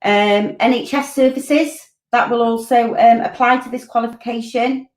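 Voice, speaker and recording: A woman in her forties running a college Q&A stream from a room in her home answers viewer questions informally, often saying um and restarting. As curriculum director, she speaks on the high side with fairly even intonation and a moderate pace, heard through a distant, roomy laptop webcam mic on a video call.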